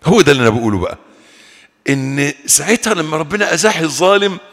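A male preacher with an Egyptian accent and a fairly high voice, delivering a fervent sermon. He stretches his supplications out slowly, then turns to tease and question the congregation in rapid everyday speech. A long reverb hangs on every phrase, as in a large hall. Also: lively intonation, fairly bright tone. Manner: fervent, alternating slow prayer with quick colloquial asides to the audience. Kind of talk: mosque sermon and lesson.

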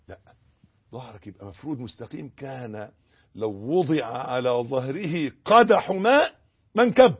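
An Egyptian man with a slightly high, husky voice gives a sermon on how to recite and pray. He drawls the verses when he demonstrates them, then pushes hard on corrections. The recording sounds muffled and lo-fi. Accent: Egyptian Arabic. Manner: instructive, demonstrates recitation slowly, swings from emphatic to hushed. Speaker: religious teacher. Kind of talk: sermon teaching prayer and recitation.

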